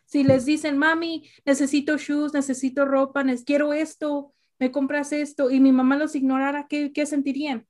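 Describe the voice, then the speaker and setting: High-voiced young woman. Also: normal speed, hardly any pauses. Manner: animated storyteller, asks questions. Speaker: podcast host. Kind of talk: casual family chat.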